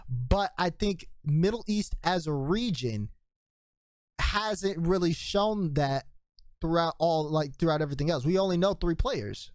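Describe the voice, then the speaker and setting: A man's voice: on the high side, no room sound. A laid-back man hosting a casual esports podcast, laughing easily with guests. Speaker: host.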